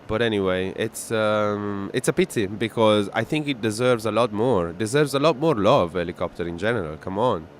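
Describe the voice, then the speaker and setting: A man's voice: fairly low pitch, normal speed, few pauses, a little hiss or hum. A man, streaming a flight simulator and chatting casually with his viewers, often answering their messages and laughing easily. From Italy. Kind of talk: casual live-stream chat. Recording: music playing behind.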